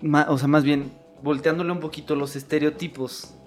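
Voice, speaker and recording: Slangy man, slightly high voice. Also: fairly even intonation, moderate pace, soft background music. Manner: stammering restarts, slangy. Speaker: podcast co-host. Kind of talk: casual comedic chat.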